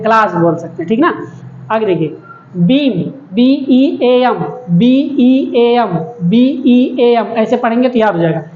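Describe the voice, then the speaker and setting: A woman teacher explaining an English lesson in Hindi to young students. She reads the English lines slowly, spells words out letter by letter and keeps checking with "ठीक है ना?". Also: fairly high pitch, a little mellow. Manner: slow, drawn-out reading of English lines. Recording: echoey room, dull lo-fi sound.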